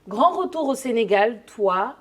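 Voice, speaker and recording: Young woman from senegal hosting a chat, upbeat, lively, some english words. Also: fairly high pitch, unhurried. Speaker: podcast host. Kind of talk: casual chat.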